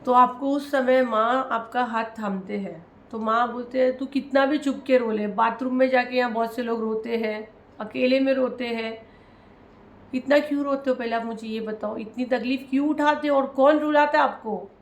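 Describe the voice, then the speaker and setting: A tarot reader with a somewhat high, gravelly voice gives a reading to her viewers, speaking to them directly in an emotional, consoling way. Her intonation is fairly even and her pace moderate. The audio echoes as though recorded in a bare room.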